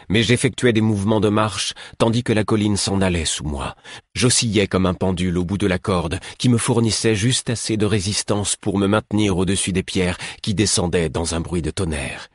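An audiobook narrator reads a storybook aloud in a steady, measured way from a script. His voice is very low and husky. The recording is close and dry, with no room sound or echo.

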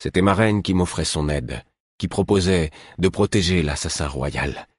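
A man narrating a storybook with a steady, measured reading. His voice is very low and husky, and the recording is close and dry with no room sound. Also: no room sound. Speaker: audiobook narrator. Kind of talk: scripted narration.

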